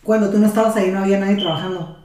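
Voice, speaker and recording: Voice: medium pitch, steady tone, rapid-fire, darkish tone. A Mexican podcast co-host in casual chat, teasing and chiming in by repeating words. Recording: distant mic in a very echoey room.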